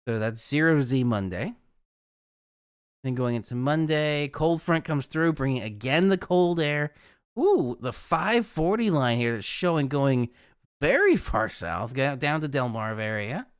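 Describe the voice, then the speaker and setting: A man's voice: medium pitch, big pitch swings, measured pace, smooth, dry recording, clean studio sound. A man hosting a casual live weather forecast, chatty and rambling, who laughs at his own jokes.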